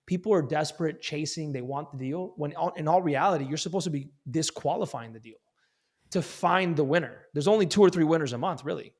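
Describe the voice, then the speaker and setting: Fast-talking man, high-pitched voice. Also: darkish tone. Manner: emphatic, repeats words at the start of phrases. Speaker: real estate agent, podcast guest. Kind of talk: fast sales-coaching talk.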